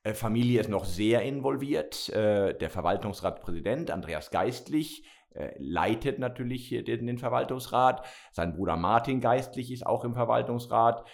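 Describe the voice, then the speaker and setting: A middle-aged man from Spain who now leads a company speaks in an interview. He stops and restarts his sentences often and fills the pauses with "äh", in an ordinary mid-pitched voice. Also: lively intonation, creaky. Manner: hesitant, many fillers and restarts. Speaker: company CEO. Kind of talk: interview conversation.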